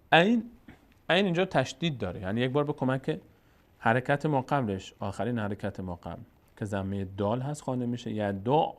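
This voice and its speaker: A man with an Afghan Dari accent gives a step-by-step Quran reading lesson. He speaks patiently and repeats each syllable slowly and drawn out, so learners can follow. His voice sits at a middle pitch. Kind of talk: slow step-by-step recitation lesson.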